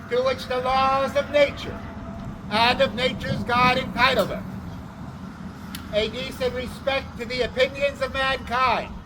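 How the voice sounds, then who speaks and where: A man playing a town crier, delivering a formal proclamation in deliberate, declamatory short phrases, outdoors. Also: extremely high pitch, fairly bright tone, exaggerated voice, rough recording. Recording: outdoor recording with faint traffic noise.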